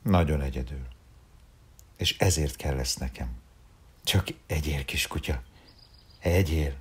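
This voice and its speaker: A man reading aloud and voicing a lonely, gentle old clown, speaking softly and tenderly in a husky, half-whispered voice. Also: very deep voice, exaggerated voice.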